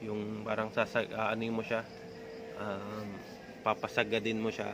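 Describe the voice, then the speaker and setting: A man's voice: fairly low pitch, monotone, a little slow, noisy background. A man talking casually to his audience in a vlog, rambling, with many filler tags at the ends of his phrases. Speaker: vlogger. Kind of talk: casual talk to camera.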